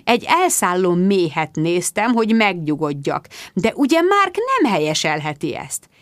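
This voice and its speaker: A woman narrating a first-person novel as an audiobook, with wry, expressive storytelling. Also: fairly low pitch, dry recording, clean studio sound.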